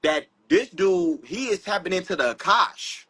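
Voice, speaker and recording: A man giving an animated, preachy spiritual talk, breaking into quotes and rap lines. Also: high voice, normal speed, slightly rough, poor audio. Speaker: spiritual speaker. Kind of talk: casual live talk.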